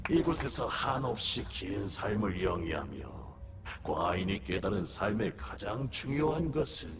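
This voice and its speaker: An actor playing a lordly, self-assured ancient ruler in a game, speaking with regal, archaic pomposity. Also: male voice, fairly low pitch, very animated, rapid-fire. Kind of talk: game voice acting. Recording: crowd sound behind game audio.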